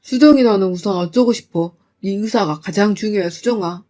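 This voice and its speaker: A woman's voice: mid-range voice, fairly quick, mellow, natural voice. A woman voicing an enraged middle-aged father who growls threats. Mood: gentle.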